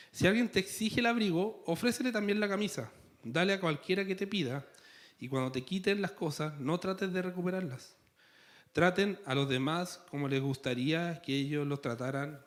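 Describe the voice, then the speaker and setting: A man with a Chilean accent preaching a sermon in a church, conversational and playful, tossing in rhetorical questions. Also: high-pitched. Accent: Chilean Spanish. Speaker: pastor.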